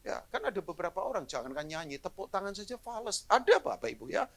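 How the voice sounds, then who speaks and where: A middle-aged male pastor preaches live to his congregation, his fairly high voice leaping around with lots of gravelly fry. He jokes with the crowd and swings from quiet asides to bursts of loud emphasis. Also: fast talker. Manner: animated, joking with the congregation, swings from low asides to loud exclamations. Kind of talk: live sermon. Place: church hall, in front of a congregation.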